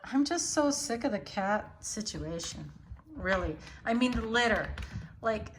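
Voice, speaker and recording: A woman's voice: a little high, lively intonation, measured pace, poor audio. A woman chatting casually and affectionately to her cats, drifting between cooing pet talk and rambling asides. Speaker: pet vlogger. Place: indoors at home. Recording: noticeable background noise, home video.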